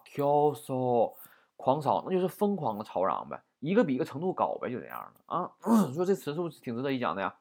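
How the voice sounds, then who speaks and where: A man teaching a vocabulary lesson in a chatty way, often asking "right?". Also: fairly high pitch. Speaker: Japanese language teacher.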